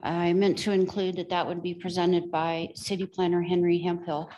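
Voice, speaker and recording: A woman calls the roll and reads agenda corrections at a city council meeting. She is brisk and businesslike, and her voice stays flat and even. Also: lowish voice, poor audio. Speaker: city clerk. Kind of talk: roll call and agenda notes.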